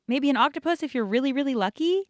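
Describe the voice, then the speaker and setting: A woman's voice: sits high, animated, quick pace, dry recording, studio quality. A young woman casually telling rambling childhood stories while sketching, laughing often. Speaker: art channel host.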